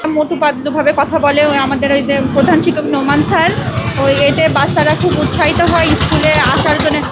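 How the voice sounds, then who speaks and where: A woman's voice: sits high, heavy background noise. A woman, a parent, chatting informally in an interview. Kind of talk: interview answer. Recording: loud music behind.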